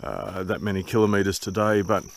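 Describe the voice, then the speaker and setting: A man's voice: deep voice, animated, normal speed, creaky. A man in his sixties with a broad New Zealand accent, rambling casually to camera outdoors, laid-back and drily humorous, swearing freely. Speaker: solo bicycle touring vlogger. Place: outdoors in open bushland. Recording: outdoor noise with insects.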